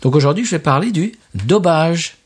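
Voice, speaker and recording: A man's voice: on the high side, animated, moderate pace, breathy edge. A middle-aged man co-hosting a casual podcast chat, explaining things at length with frequent hesitations. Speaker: podcast co-host.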